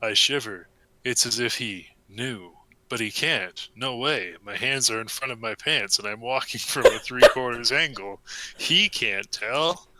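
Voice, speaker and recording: A young man reading a comic story aloud to friends in a deadpan way, with a close mic. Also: medium pitch, moderate pace, background noise. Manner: deadpan reading, breaking into laughter.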